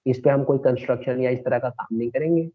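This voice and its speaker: A man's voice: medium pitch, quick pace. A male teacher giving a classroom lecture, explaining step by step and often checking whether students follow. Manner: explanatory, asks checking questions. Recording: tinny phone-like online class audio.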